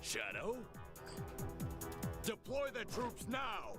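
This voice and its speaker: An actor playing a stern, vengeful military commander in a video game cutscene, barking out commands. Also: male voice, sits high, wildly swooping pitch, drawn-out words, heavily acted. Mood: furious command. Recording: quiet game audio under loud music. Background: game music.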